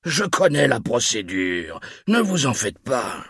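A man voicing a grumpy, cold old male intruder who mutters gruffly and stays unbothered under threat. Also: medium pitch, big pitch swings, takes it slowly, fairly bright tone, no room sound, studio quality, exaggerated voice. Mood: dismissive.

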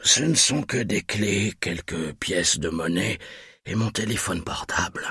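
A man voicing a grumpy, cold old male intruder who mutters gruffly and stays unbothered under threat. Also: mid-range voice, very animated, slow pace, a bit bright, no echo, clean studio sound, pitched above the performer's own voice, exaggerated voice. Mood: muttering.

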